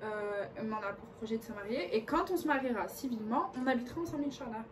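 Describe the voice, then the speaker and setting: A woman's voice: a little high, expressive, fast talker, a crowd in the background. A young woman in a casual couple Q&A video, chatty and giggly, often talking over her partner. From France. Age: young adult. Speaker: co-host. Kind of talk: casual chat. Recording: distant mic with clear background noise.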